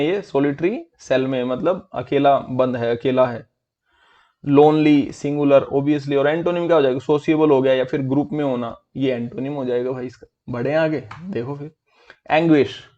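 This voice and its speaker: A man's voice: mid-range voice, darkish tone, lo-fi sound. A man teaching an online vocabulary class for exam prep, in a chatty, friendly way that mixes Hindi and English.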